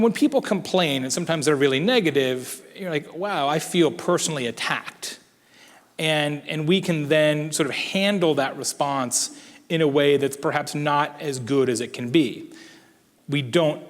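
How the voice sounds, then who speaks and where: A man delivering a conference keynote with animated, emphatic, conversational energy. His voice sits a little high for a man, and it carries through a large hall with a long echo. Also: moderate pace. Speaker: keynote speaker. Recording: echoey hall.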